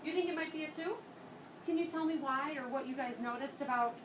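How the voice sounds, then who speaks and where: High-pitched woman, encouraging kindergarten-teacher voice. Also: fairly quick, echoey room. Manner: kindergarten-teacher voice, encouraging, repeats children's answers. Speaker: early grade teacher leading class discussion. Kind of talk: classroom teaching with questions to young children. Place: classroom with children. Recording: noisy classroom, picked up from far off.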